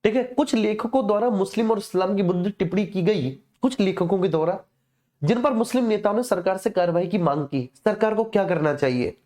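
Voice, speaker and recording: A woman with a brisk, medium-pitched, dark-toned voice runs an informal exam coaching class. She explains things didactically and repeats herself often, using frequent tag phrases to check that students understand.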